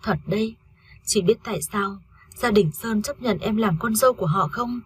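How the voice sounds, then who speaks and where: A woman's voice: mid-range voice, moderate pace, slightly rough. A woman reading a story aloud, voicing a grieving young wife who has lost her baby, in a tearful, pleading way. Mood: bitter.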